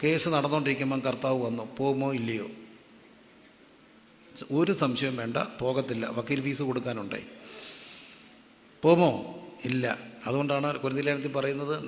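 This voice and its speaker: A man's voice: medium pitch, steady tone, fairly quick, vocal fry. Preaching man in an echoey hall. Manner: call-and-response preaching, asks the congregation to repeat verses aloud. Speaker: pastor. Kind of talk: sermon. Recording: echoey hall with faint ambient noise.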